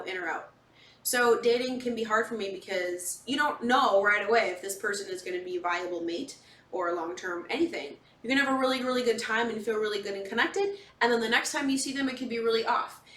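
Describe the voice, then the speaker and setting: Her pitch is fairly high and her tone fairly bright. She is a podcast and video host in her forties, chatting candidly and emphatically with viewers while performing her inner dialogue in a confessional monologue, captured by a faraway mic in a reverberant room.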